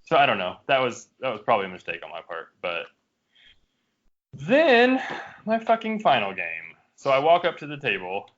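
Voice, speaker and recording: A man's voice: medium pitch, moderate pace. A man co-hosting a podcast, telling a story in a casual chat among friends. He swears constantly and is riled up, with lots of fillers. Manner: profane, animated storytelling with frequent fillers. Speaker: podcast co-host. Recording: dull lo-fi podcast audio.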